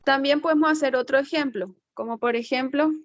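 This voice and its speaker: A woman's voice: high voice, brisk, dry recording, muffled recording. A woman teacher explaining a lesson in an online class, patiently checking that students follow along and thinking aloud as she works the slides. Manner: checks understanding with frequent tag questions.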